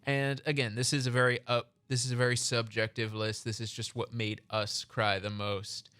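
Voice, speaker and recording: A man's voice: mid-range voice, little pitch movement, normal speed, bright, forceful tone, clean tone. A man co-hosting a podcast in casual chat, rambling and correcting himself as he goes. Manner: rambling, restarts, self-correcting. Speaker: podcast co-host.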